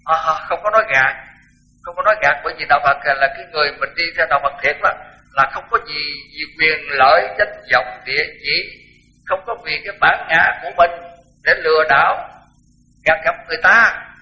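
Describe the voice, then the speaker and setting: A man's voice: fairly high pitch, brisk, bright, forceful tone, poor audio. An older man, a Buddhist monk, giving a frank, blunt dharma talk and repeating words for emphasis.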